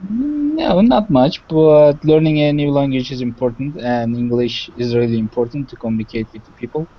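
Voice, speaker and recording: Husky-voiced man from Turkey. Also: medium pitch, lively intonation, normal speed, lo-fi sound. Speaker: English learner.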